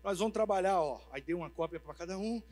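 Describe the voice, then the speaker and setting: A man preaching a sermon, telling humorous stories in a lively, colloquial way. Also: high-pitched, quick pace, faint music behind. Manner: lively, humorous, tells anecdotes; informal, colloquial speech. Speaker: pastor. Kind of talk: storytelling sermon. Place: church.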